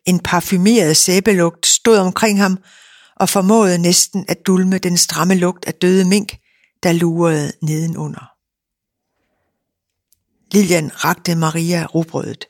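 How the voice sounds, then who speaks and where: Calm woman narrating an audiobook. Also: on the low side, no room sound, studio quality. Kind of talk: scripted narration.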